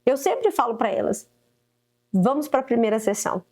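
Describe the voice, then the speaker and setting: A woman's voice: on the high side, sing-song, moderate pace, a little mellow. A Brazilian woman psychotherapist giving earnest, coaching advice to mothers straight to camera. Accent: Brazilian Portuguese. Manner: earnest, coaching, acts out quoted parents and children. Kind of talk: direct-to-camera advice talk.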